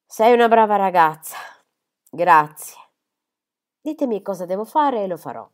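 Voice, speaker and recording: A woman's voice: mid-range voice, lively intonation, moderate pace, lightly acted. Woman reading as a grieving old squire. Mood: urgent. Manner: emotional, outbursts of grief and anger. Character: grieving elderly country squire, impulsive and proud.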